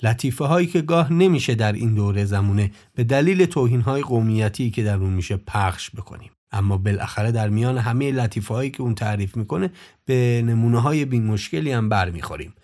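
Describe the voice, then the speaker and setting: A man narrating a documentary podcast in a measured, informative scripted tone. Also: medium pitch, animated, a little mellow.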